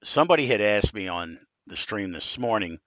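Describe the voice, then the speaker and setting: A man in his fifties with a deep, gravelly voice, chatting casually and bluntly as he reviews game courses on a live stream. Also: lively intonation, normal speed, a bit bright, no room sound. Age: 50s.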